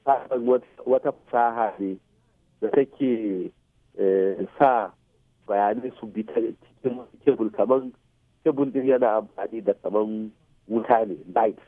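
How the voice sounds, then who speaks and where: Speaking unhurriedly in a lowish voice, a Nigerian man with a Hausa accent acts as a radio expert, weaving English technical terms into his explanations. Short tag questions check that listeners keep up. There's no echo, only muffled, phone-like radio sound.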